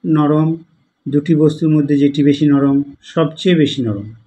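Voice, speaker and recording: A man teaching a grammar lesson at an unhurried, deliberate pace. His voice sits a little high for a man, and he spells words letter by letter and repeats each form patiently. He checks in with the class through questions as he goes. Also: steady tone, dark tone, poor audio. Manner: asks the class questions to guide them. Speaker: English grammar tutor. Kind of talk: slow explanatory lesson.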